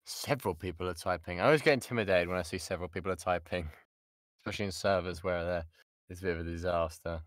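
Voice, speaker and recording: A British voice actor with a low, fast voice answers questions in an online workshop, chatting casually and poking fun at himself. He's recording in a padded, insulated home booth on an XLR studio mic, and the sound is dry.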